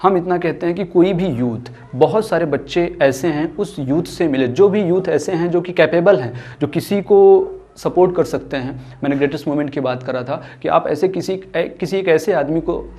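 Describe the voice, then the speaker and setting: A man's voice: a little high, normal speed, hardly any pauses, a little mellow. A young man speaking for a foundation in an earnest social-cause talk, mixing English phrases into his speech and often restarting sentences.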